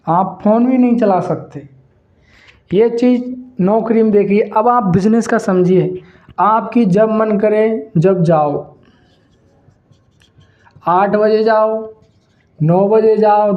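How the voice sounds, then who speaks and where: A man's voice: high-pitched, darkish tone. Emphatic man explaining to viewers, dull lo-fi sound. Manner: repetitive and emphatic, addresses viewers as brother. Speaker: business ideas channel host. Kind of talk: explaining to camera, casual lecture.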